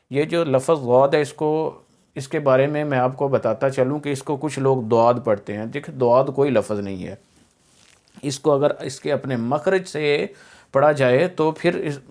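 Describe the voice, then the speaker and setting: A patient male teacher with a Pakistani Urdu accent walks through a beginner reading lesson step by step. He repeats his points and stretches each letter sound slowly so it can be copied. His voice sits at an ordinary middle pitch. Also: darkish tone. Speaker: Quran teacher.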